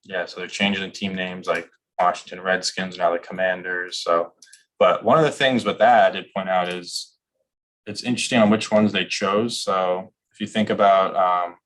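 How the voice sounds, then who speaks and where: Low flat-voiced guy, relaxed chatty co-host, says like a lot. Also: normal speed. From Ireland. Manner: easygoing, lots of "like" and "um". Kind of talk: casual discussion.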